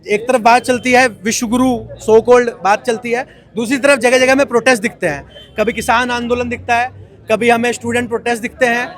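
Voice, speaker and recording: A man reporting live from an outdoor street protest and interviewing protesters, talking with growing indignation that turns loud and impassioned. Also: very high voice, steady tone, a little fast. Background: faint protest crowd.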